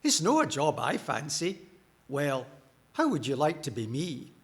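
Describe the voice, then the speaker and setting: A man's voice: fairly high pitch, big pitch swings, measured pace. A man voicing a cheeky, grumbling female fairy stuck on a Christmas tree, with a Scottish accent and a bawdy comic complaining manner.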